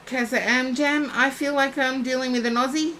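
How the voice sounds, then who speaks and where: A woman's voice: sits high, steady tone, moderate pace, fairly bright tone, a little hiss or hum, rough recording. A woman giving psychic readings on a live stream, chatting and addressing viewers by name. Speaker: psychic reader.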